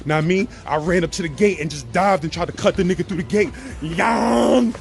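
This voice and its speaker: A man with a New York accent telling a casual, profane, animated story, often asking if you follow him. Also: fairly high pitch, fast talker. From Brownsville, Brooklyn, New York. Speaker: guest telling prison stories.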